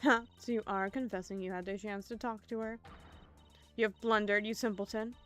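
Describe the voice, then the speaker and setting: A woman's voice: mid-range voice, steady tone, normal speed, faint music behind, lightly acted. A woman voicing a haughty, impatient young woman who talks down to others in a curt manner. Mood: scornful. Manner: curt, condescending.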